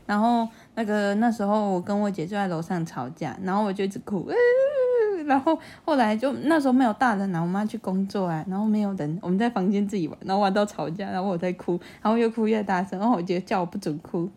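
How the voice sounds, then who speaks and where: A woman's voice: medium pitch, expressive, fast talker, few pauses, dark tone. A young woman, chatting casually on a podcast about her childhood, often restarting her sentences. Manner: chatty, restarts a lot, acts out childish voices in quotes. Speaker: podcast co-host telling childhood stories. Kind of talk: casual chat. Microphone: desk USB condenser mic.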